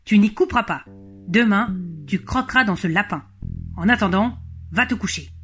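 A woman's voice: mid-range voice, normal speed, fairly bright tone, soft background music, natural voice. A woman voicing a pompous, hot-tempered father fox in a storybook, lecturing and scolding his son. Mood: angry.

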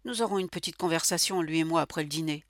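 A stern, irritable middle-aged father scolds in a gruff, low-key way, as a narrator reads his lines aloud. The voice sits at an ordinary middle pitch and sounds close and dry, with no room around it. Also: fast, fairly bright tone, dry recording, lightly acted. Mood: menacing. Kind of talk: quoted dialogue in a literary reading.

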